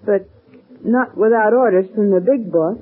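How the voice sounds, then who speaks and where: A woman's voice: medium pitch, normal speed, a little hiss or hum, lightly acted. An actress playing a defiant, urgent young woman captive in an old radio crime drama. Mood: frightened. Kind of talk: 1930s-40s radio crime acting. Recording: muffled old radio recording.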